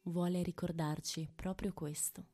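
A woman guides a meditation very slowly, speaking softly as if right in your ear. Her voice is mellow and on the low side. She leaves long pauses between short, intimate phrases. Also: little pitch movement. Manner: hushed, intimate, close to the ear. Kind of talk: guided meditation, slow and soothing.

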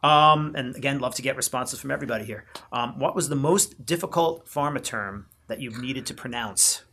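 Bright-toned jokey podcast host. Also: mid-range voice, moderate pace, a little hiss or hum. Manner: relaxed, jokey interviewer. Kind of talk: casual podcast interview.

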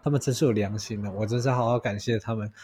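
A man's voice: fairly low pitch, steady tone, fast talker, warm tone, husky. A man co-hosting a casual chat show, reacting to stories with teasing jokes. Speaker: podcast co-host.

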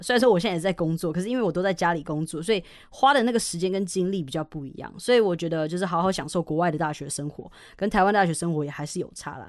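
A woman's voice: on the low side, no echo, studio quality. A young woman from Taiwan, hosting a podcast in a frank, emphatic way and swearing freely. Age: young adult. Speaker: podcast host and English teacher. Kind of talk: casual podcast monologue.

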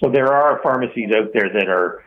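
A man's voice: mid-range voice, a little fast, phone-quality sound. A man speaking as a radio guest, rambling with many fillers. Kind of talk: radio discussion.

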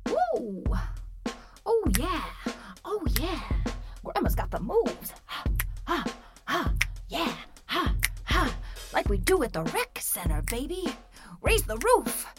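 A wacky seventy-six-year-old grandma, lively and swooping in pitch, as a woman reading a story puts her on. She talks in hip slang with boastful energy. Music plays behind her. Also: takes it slowly, full character voice. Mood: hyped dancing. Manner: sly whisper, then hip slang.

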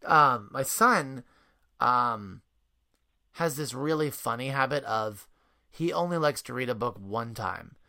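A man's voice: mid-range voice, lively intonation, takes it slowly, creaky, pushed and bright. A man speaking as a parent guest, telling rambling anecdotes in casual chat and laughing often.

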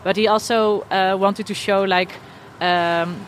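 Woman interviewer, medium pitch, chatty but halting and tentative, some street noise in the back. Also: fairly even intonation. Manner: tentative, halting phrasing with frequent backchannels. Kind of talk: conversational interview.

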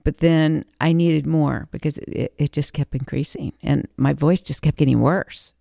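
A woman co-hosting a faith podcast, earnestly telling a personal story in relaxed conversation. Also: low voice, moderate pace, creaky, dry recording, clean studio sound. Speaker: podcast co-host.

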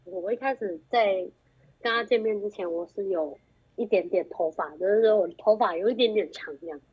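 A woman's voice: mid-range voice, a little fast, slightly rough. A young woman, telling a story in a casual chat and acting out the quoted lines with animation. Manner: animated, acts out quoted dialogue. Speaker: guest. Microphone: group phone call. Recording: muffled lo-fi call audio.

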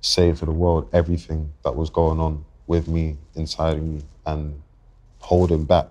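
A very deep-voiced young man from London talks through his thoughts as a podcast guest, his pitch staying level and even. He is reflective and halting, circling back and restarting sentences as he works out what he means. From England. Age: 20s. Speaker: guest rapper. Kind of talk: podcast interview.

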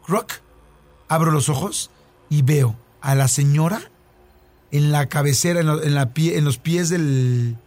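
A man's voice: on the high side, a little slow, darkish tone, no room sound, soft background music. A man with a Mexican accent telling a long story in casual chat, with many fillers and repeats.

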